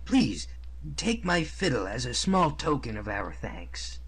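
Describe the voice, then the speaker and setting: A man's voice: mid-range voice, sing-song, unhurried, fairly bright tone, slightly rough, heavily acted. A man voicing a humble male woodcutter in a computer game, giving earnest, formal thanks. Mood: grateful.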